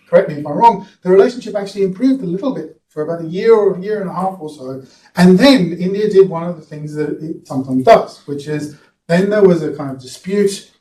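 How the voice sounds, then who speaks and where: A male professor answers questions from the floor in a loose, conversational manner. His voice is fairly high and mellow. He sounds distant from the mic in an echoey hall. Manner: conversational, peppered with "you know" and "right?". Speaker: guest speaker, professor. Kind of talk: public lecture Q&A answer. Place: lecture hall at a public event. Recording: roomy hall, picked up from a distance.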